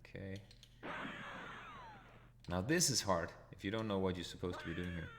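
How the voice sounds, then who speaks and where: Over a noisy background, a man from Denmark narrates his retro gaming session live, musing aloud and chuckling each time he dies. His voice is deep and animated, moving at a normal speed with a Danish accent.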